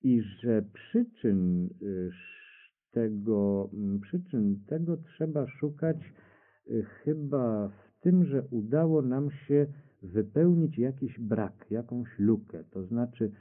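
This man, a radio cabaret creator, answers audience questions in an unscripted public talk, speaking slowly but animatedly at a middle pitch. He rambles, hesitates, corrects himself, and reads quotes aloud. The archive radio recording sounds thin, tinny, and lo-fi.

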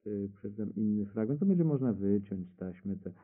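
Guy talking slow and hesitant, keeps fixing his words, tinny old tape. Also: on the low side, animated. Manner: rambling, hesitant, self-correcting, reads quotes aloud. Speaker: radio cabaret creator answering questions. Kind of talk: unscripted public talk with audience questions. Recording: tinny lo-fi archive radio recording.

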